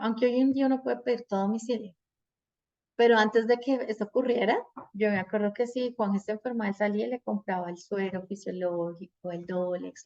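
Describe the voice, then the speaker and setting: Animated woman teaching parents. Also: medium pitch, muffled recording. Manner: animated, asks "¿cierto?" often. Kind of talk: teaching a parenting class with personal stories.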